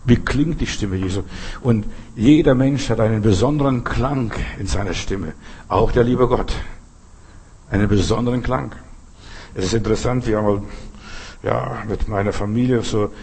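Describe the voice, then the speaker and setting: A man's voice: mid-range voice, normal speed, a little mellow, slightly rough. A man preaching a sermon, speaking to his listeners directly and often asking them questions.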